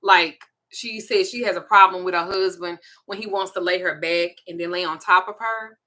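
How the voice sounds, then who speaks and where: A woman's voice: on the low side, fairly even intonation, moderate pace, sharp tone. A woman in her forties with a Southern US accent, hosting a candid, profane, confiding casual chat. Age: 40s. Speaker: host.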